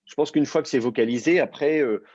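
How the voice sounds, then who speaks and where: A man's voice: medium pitch, fairly quick, darkish tone, dry recording, highs cut off. A man teaching a language class, explaining step by step and quizzing his student. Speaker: Hebrew teacher. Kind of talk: live class instruction.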